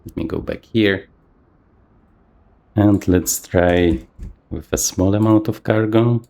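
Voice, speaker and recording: A man casually talking through a flight simulator session, thinking aloud with plenty of fillers, his voice a little rough from the morning. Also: lowish voice, slow, darkish tone. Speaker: flight sim video host. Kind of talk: casual gameplay commentary.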